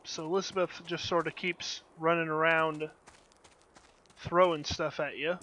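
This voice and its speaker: A man with a fairly high voice gives casual commentary as he plays a video game. He muses aloud in a low-key way, with clear noise behind him. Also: little pitch movement, measured pace, pushed and bright. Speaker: let's play host.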